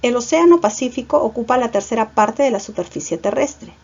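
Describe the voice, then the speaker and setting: Animated and fairly quick, a woman with a fairly high, darkish-toned voice teaches an online class. She walks through the material one step at a time and keeps checking that her students follow, though the recording sounds dull and lo-fi.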